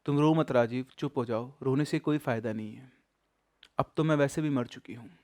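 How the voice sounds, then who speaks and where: A man voicing the ghost of a dead young wife, speaking low and quiet in his own voice. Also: moderate pace, close to an everyday voice. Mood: cold accusing.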